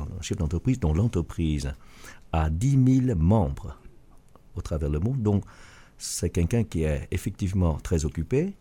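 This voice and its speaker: Earnest man with a low husky voice. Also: warm tone. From Vietnam. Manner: earnest, halting with restarts. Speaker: author and business leader. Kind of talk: radio interview answer.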